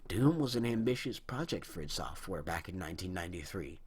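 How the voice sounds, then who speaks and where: Fairly quick and husky, this young man's low voice swings widely in pitch as he hosts a video and airs indignant opinions on video games. He's in his early twenties, rambles with frequent restarts, and sounds dry and strained in the throat.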